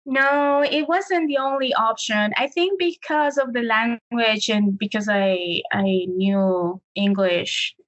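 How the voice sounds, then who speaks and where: This interview guest, a Colombian woman in her late thirties, answers in Spanish with her native accent, considering each reply and restarting when words escape her. Her somewhat bright voice sits high and moves slowly with few pauses, on a low-quality recording.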